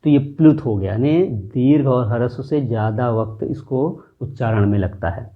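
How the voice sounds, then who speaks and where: A man teaching a lesson, slowly explaining and drawing out vowel sounds as he demonstrates them. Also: mid-range voice. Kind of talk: classroom lesson. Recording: tinny phone-like audio.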